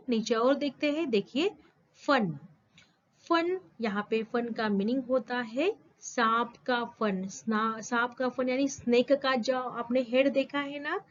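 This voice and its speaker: A woman teaches young children in a slow, patient way, saying each word carefully and quizzing them back. Her voice sits a little high. The recording sounds dull and lo-fi. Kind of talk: explaining a school lesson to children.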